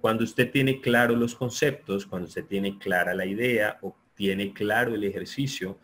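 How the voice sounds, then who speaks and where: A man giving an online lecture, explaining in a steady, repetitive way and often checking that listeners agree. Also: lowish voice, unhurried, a little hiss or hum. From Colombia. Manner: explanatory, repeats himself, asks listeners for agreement. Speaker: sports psychology lecturer.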